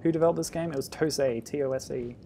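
A man casually commenting on a retro game as he plays, thinking aloud with sudden loud exclamations. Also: fairly high pitch, fast, slight background noise. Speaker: streamer.

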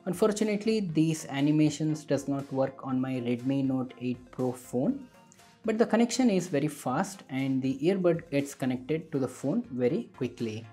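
A man narrates a tech product review as a scripted explainer, his mellow voice slightly rough and mid-range. He sounds animated and keeps a moderate pace, with faint music in the background.

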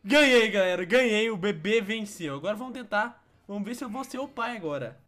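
A man's voice: high-pitched, expressive, fairly quick, a bit bright. A young man with a Brazilian Portuguese accent hosting a gaming video, teasing his partner and breaking into shrieking laughter. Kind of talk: playful game commentary.

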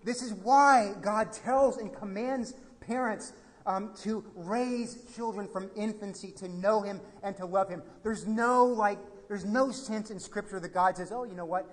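With a high voice and an unhurried delivery, a thirty-something American pastor preaches in a church sanctuary, alternating reflective quiet with emphatic appeals as he gestures animatedly. He speaks into a pulpit microphone, and the hall is reverberant.

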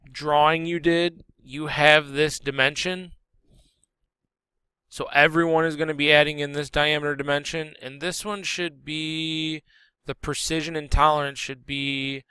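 A man teacher walking students through a software drawing tutorial step by step, relaxed and correcting himself as he goes. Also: mid-range voice, clean tone, no room sound. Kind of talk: screen-recorded software tutorial.

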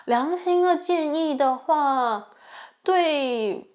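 A woman's voice: high-pitched, extremely slow, a little mellow. Chatty young woman giving advice. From Malaysia. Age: young adult. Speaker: university student sharing experience. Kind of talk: casual advice talk.

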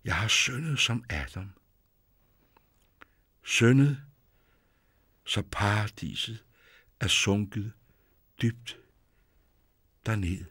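A young storybook prince, earnest and torn, his voice low and hushed, sometimes sinking into a whisper, as a male narrator gives him voice. The voice sits fairly low and the sound is dry and close. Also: lively intonation, long pauses, husky, no echo.

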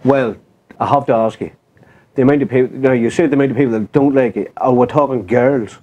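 A man's voice: mid-range voice, fast talker, warm tone, dull audio. A man with a Northern Irish accent hosting a casual sofa chat show, jokey and rambling.

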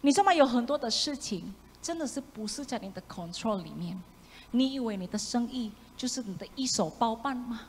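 A woman preaching a sermon, animated, acting out voices and dropping into whispered asides. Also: fairly high pitch, fairly quick. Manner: animated, acts out voices of the prophet with sudden loud and whispered asides. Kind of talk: sermon with congregation reading along. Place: church hall. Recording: echoey church hall, faint room noise.

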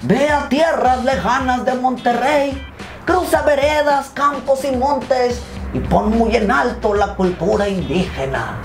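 A man's voice: extremely high pitch, measured pace, roomy sound, faint music behind. A man playing a cheeky, swearing rustic villager in his thirties who rambles through his brags in a comedy sketch interview. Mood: boastful. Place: small indoor studio full of toys.

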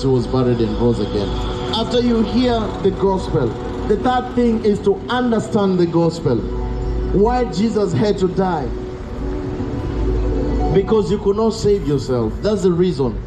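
Middle-aged Kenyan man, open-air preacher, high-pitched and fervent, roomy street sound with music behind. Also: animated, a little slow. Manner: fervent, repeats phrases for emphasis, pleading. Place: outdoors on a city street at dusk. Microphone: handheld microphone through a small speaker. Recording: echoey outdoor sound with music and traffic behind.

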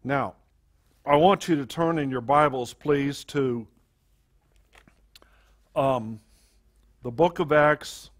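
A male pastor delivers a sermon into a pulpit microphone. He speaks very slowly at a middle pitch, pausing often with fillers and restarting his phrases. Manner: slow, halting delivery with many fillers and restarts. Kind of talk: sermon to a congregation.

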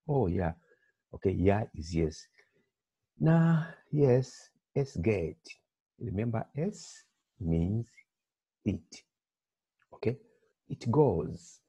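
A man's voice: low voice, gravelly, warm tone, breathy edge. A man teaching a language lesson from a textbook, patiently explaining and checking in with "okay?" after each point. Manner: patient, repeats "okay?" often, rising checks. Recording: dull lo-fi recording.

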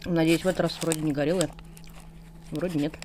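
A woman's voice: low voice, steady tone, quick pace, noisy background. A woman hosting a mukbang, chatting casually to the camera with her mouth full. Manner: chatty, talking while chewing. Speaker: mukbang host. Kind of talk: casual eating chat to camera.

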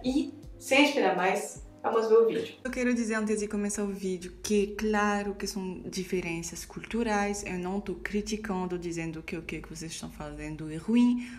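A young woman from France with a French accent, a native French speaker, hosting a casual reaction vlog in a friendly, hesitant way from a home office, filmed by a camera in front. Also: mid-range voice. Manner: friendly, hesitant phrasing with restarts. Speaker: reaction vlogger. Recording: roomy echo, distant mic, music behind.

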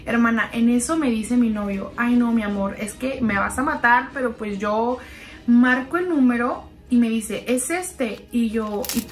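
A woman's voice: fairly high pitch, a little slow. Chatty young woman telling gossip. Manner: chatty, confiding, keeps calling the listener "sister". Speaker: storytime narrator. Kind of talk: gossipy storytime narration over a slime video.

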